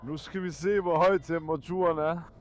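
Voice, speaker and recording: A young man caring for a sick puppy on camera, earnest with viewers and coaxing softly with the dog. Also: on the high side, steady tone. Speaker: animal caretaker and channel host. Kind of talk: casual vlog explaining care of a sick puppy.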